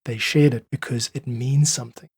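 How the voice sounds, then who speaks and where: A man's voice: mid-range voice, fairly even intonation, moderate pace, gravelly, a little mellow, slightly rough, no room sound. A South African man speaking earnestly and articulately as an interview guest, explaining his ideas in conversation. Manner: earnest, articulate, uses analogies. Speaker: podcast guest, independent musician.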